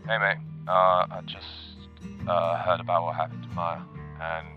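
A man playing a worried friend who leaves a halting, hesitant voicemail, heard as phone playback. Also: low-pitched, flat delivery. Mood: concerned. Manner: hesitant, halting, many ums and restarts. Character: worried male friend checking in on a mate. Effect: leaving a voicemail, heard over phone playback. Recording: muffled phone voicemail playback over music.

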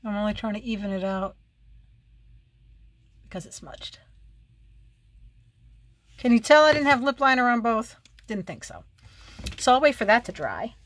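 A woman's voice: on the high side, sing-song, moderate pace, long pauses, a bit bright. A woman chatting casually through her makeup routine at home, full of wry remarks and muttered asides to herself. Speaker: beauty vlogger. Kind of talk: casual get-ready-with-me chat. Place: at home, seated while doing makeup.

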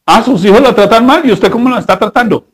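A man, preaching a sermon as pastor, full of rhetorical questions and mocking asides, with sudden shifts between fast and slow delivery. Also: extremely high pitch, breathy edge. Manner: mocking, acts out the people in his stories.

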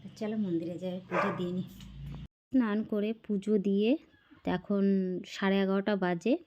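A middle-aged woman narrates her day as a vlog voice-over, her voice hoarse from a cold. She chats easily and addresses her viewers as friends. A faint background noise runs under the recording. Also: mid-range voice, fairly even intonation, normal speed, highs cut off. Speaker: vlogger.

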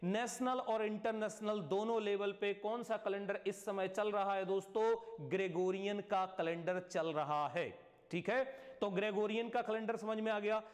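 A male teacher giving a live online class lecture, often repeating key words and checking "clear?". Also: high voice, steady tone, normal speed, big-room sound.

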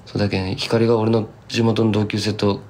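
During a live stream, a young singer-songwriter from Kumamoto, Japan, chats loosely with fans, rambling in thick Kumamoto dialect. His lowish voice is flat and a little fast, slightly mellow, and a little hiss or hum runs underneath.

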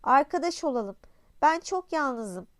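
Woman doing a small gentle boy prince, lonely and curious, lifted high voice, dry close sound, storybook reading. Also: lively intonation, a little slow, dry recording. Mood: wondering. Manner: polite, wondering, soft-spoken. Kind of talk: audiobook character voice.

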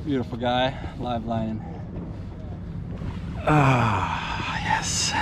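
A man in his thirties casually commenting while fishing from a kayak, relaxed and easygoing, recorded on a head-mounted camera. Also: mid-range voice, drawn-out words. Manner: relaxed, easygoing, chuckles often. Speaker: fishing vlogger. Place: kayak out on open bay water. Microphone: head-mounted action camera. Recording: windy outdoor action-cam audio. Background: wind and water noise.

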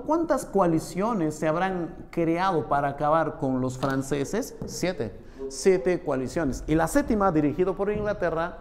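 A man teaching a history lesson, asking questions and answering them himself, often repeating a tag phrase, swinging from raised to low murmured pitch. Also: darkish tone. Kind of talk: classroom history lecture. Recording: long hall reverb.

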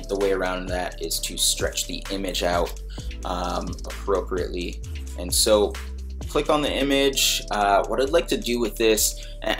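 A music producer from Barbados casually walking through a screen-recorded design tutorial, with many ums and restarts. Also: male voice, deep voice. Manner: relaxed, full of ums and restarts.

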